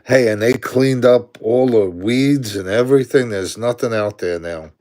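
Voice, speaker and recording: Speaking in a Brooklyn accent, this man in his sixties from Brooklyn, New York, answers viewer comments aloud during a casual live stream, laughing frequently. His voice is mid-range, unhurried and a little mellow.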